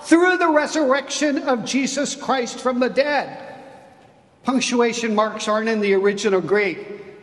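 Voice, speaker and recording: Bishop preaching in a cathedral: a man with a high voice, slow and emphatic, long reverb. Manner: deliberate, emphatic preaching with dramatic pauses. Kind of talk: sermon.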